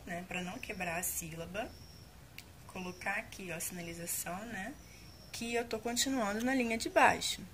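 A woman's voice: fairly low pitch, background noise. A Brazilian woman teacher explaining a writing task in a patient, explanatory way, often checking in with tag questions. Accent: Brazilian Portuguese. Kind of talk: casual classroom instruction.

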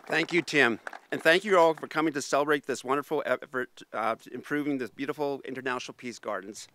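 A man's voice: mid-range voice, fairly quick, bright, forceful tone. A man speaking as event host, making announcements from an outdoor podium.

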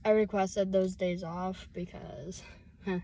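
A woman's voice: medium pitch, level tone, slow, warm tone. A seventeen-year-old girl vlogging while driving, rambling and hesitant with lots of fillers and restarts. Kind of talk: casual chat while driving. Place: inside a car.

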